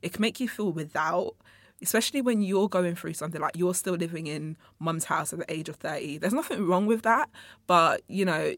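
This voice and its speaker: Her lowish, somewhat bright voice moves a little fast as the young podcast host, born in Congo and brought up in England, chats meanderingly to listeners from her studio. There's no echo on the recording in this casual solo episode.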